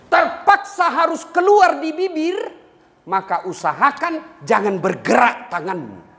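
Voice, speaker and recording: Animated preacher man in an echoey hall. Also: measured pace, creaky. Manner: animated, swings between loud and low, sings snatches of songs for laughs. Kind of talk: humorous sermon to a live audience. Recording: echoey live hall with faint noise.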